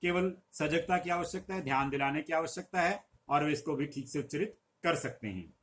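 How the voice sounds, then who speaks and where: A middle-aged man teaching a lesson, patiently explaining and slowly drawing out example sounds for emphasis. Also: on the high side, expressive, fairly bright tone. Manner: patient, instructive. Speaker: Hindi teacher.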